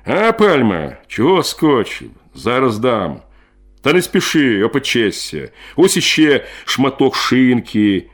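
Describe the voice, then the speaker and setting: A man voicing a bitter, hard-drinking miner of thirty who talks gruffly and heatedly. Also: mid-range voice, very animated, slow, voice pushed up. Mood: coaxing. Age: 30s.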